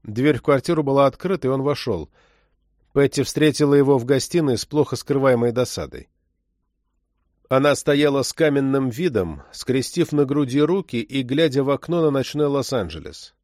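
A man reading an audiobook novel in a steady, measured narrating voice. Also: medium pitch, no echo, clean studio sound. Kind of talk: scripted narration.

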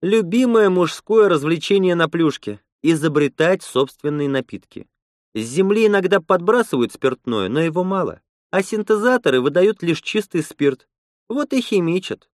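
Male reader as outspoken young woman colonist; raised pitch, teasing, dry close sound. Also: lively intonation, moderate pace, no echo, natural voice. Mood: chatty. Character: blunt, frank young woman space colonist. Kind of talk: audiobook character voice.

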